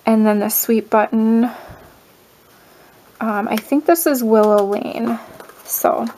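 A woman unboxing crafty mail in a casual vlog, gasping and gushing with delight, sometimes dropping into soft breathy asides. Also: fairly high pitch, fairly even intonation, slight background noise, rough recording. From United States. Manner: gushing, gasping, lots of "oh my gosh"; slow, drawn-out speech with soft breathy asides.

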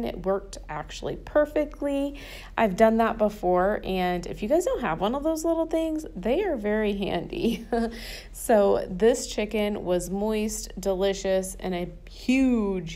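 Chatty upbeat woman with a mellow voice. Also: mid-range voice. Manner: chatty and upbeat, repeats herself. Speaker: cooking channel host. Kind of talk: casual voice-over narration.

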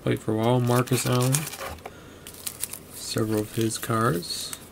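A man sitting at a home desk, chatting to himself and his viewers as he flips through a box of cards. His voice stays flat and level, and noise hums clearly underneath the recording. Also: medium pitch, a little slow. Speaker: card collector vlogger. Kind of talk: casual narration while sorting cards.

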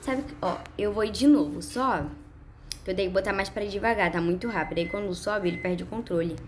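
A woman with a Brazilian Portuguese accent giving chatty, excited gameplay commentary to her viewers. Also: medium pitch, fairly quick, slight background noise. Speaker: gaming YouTuber.

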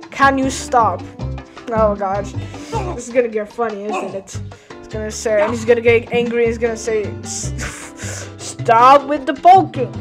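A woman giving casual, slangy let's play commentary with surprised reactions, over game music. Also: a little high. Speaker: gamer.

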